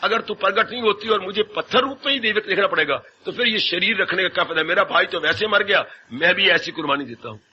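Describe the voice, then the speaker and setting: A man's voice: high voice, animated, fast talker, few pauses, lo-fi sound, a little hiss or hum. A man voicing a grown male devotee who begs a goddess to appear. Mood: desperate.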